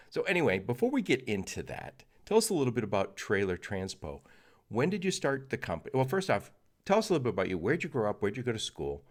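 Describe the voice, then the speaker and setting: A middle-aged man hosts a podcast interview in a loose, joking way, full of "uh"s and restarts. His voice sits a little low. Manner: chatty and joking, with frequent fillers and restarts. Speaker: podcast host. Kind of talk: casual interview chat.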